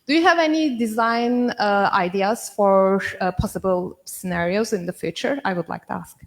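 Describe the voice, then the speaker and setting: Woman asking a question. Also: mid-range voice. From Turkey. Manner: halting, searching for words. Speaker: audience member asking a question. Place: conference hall.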